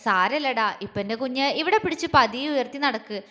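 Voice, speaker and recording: A woman playing a teasing older husband, stern one moment and doting the next, in a bright high voice. The reading rings out with a long reverberant tail. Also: expressive, fairly quick. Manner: teasing, scolding, then coaxing.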